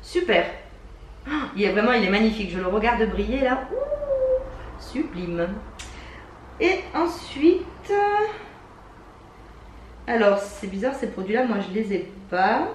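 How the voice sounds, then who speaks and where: A woman casually reviewing beauty box products, chatty and enthusiastic, often pausing with fillers, recorded indoors at home. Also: mid-range voice, lively intonation, recorded from a distance. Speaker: beauty box unboxing vlogger. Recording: roomy sound from a mic set back, faint hiss.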